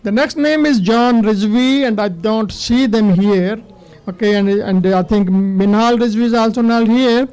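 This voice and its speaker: A man with a notably high voice hosts a prize ceremony. He announces in an informal, encouraging way, often repeating short phrases. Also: steady tone, a little slow, a little mellow, clean tone, low-quality recording. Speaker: host of a school prize ceremony.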